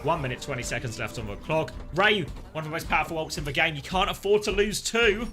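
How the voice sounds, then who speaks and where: Male esports play-by-play caster, high voice, urgent clipped calls, music behind. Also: expressive, quick pace, bright, forceful tone. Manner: urgent, clipped present-tense calls that rise with the action. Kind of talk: live esports match commentary.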